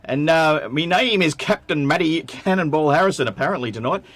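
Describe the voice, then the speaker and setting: A man's voice: a little high, animated, fairly quick, a bit bright, no echo. An Australian man hosting a live sports talk show, joking and rambling with fillers. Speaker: host. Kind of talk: casual live show banter.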